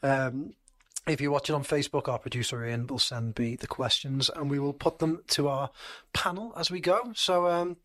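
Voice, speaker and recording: Jokey English podcast host. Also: male voice, mid-range voice, normal speed, fairly bright tone, dry recording, studio quality. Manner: jokey and rambling. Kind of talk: casual football podcast chat.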